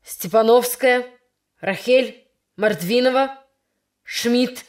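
A woman voicing an exasperated, angry male schoolteacher who shouts and scolds. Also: mid-range voice, expressive, unhurried, lightly acted. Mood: furious. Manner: shouting, then bitter and stern.

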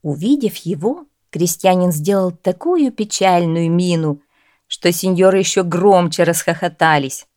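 A woman narrating a folk tale in a measured, expressive storybook reading. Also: lowish voice, dry recording, studio quality.

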